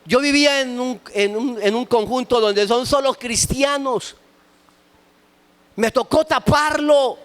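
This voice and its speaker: A middle-aged man, preaching a sermon as pastor with impassioned storytelling that rises at times to shouts. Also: extremely high pitch, slow pace.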